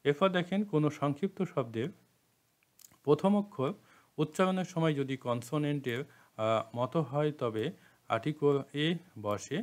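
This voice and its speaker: Man teaching a grammar lesson step by step. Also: medium pitch. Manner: explains step by step, repeats phrases, asks rhetorical questions.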